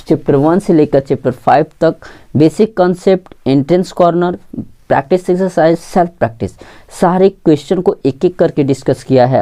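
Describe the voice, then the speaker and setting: A woman teaches an online math lesson in a low, mellow voice. She keeps asking the class questions and answering them herself, repeating key points and checking in with "theek" again and again. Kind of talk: online lesson for exam preparation.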